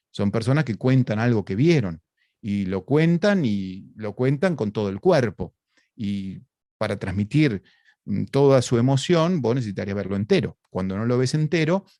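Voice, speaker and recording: A man's voice: mid-range voice, darkish tone, no room sound. Argentine man lecturing, very dry sound. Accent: Argentine Spanish. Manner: explanatory, conversational, uses rhetorical questions. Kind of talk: academic talk over video call.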